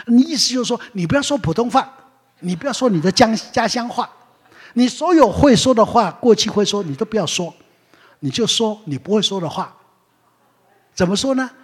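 A man's voice: sits high, expressive, brisk, husky. A male preacher teaching a congregation, earnest, repeating his points and checking that listeners understand. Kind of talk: sermon teaching. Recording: long reverb in a hall.

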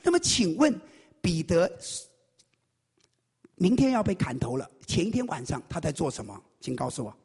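Man preaching a sermon, high husky voice, swoops up and down, keeps quizzing the crowd. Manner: quizzes the congregation with rapid questions; animated storytelling. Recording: long hall reverb.

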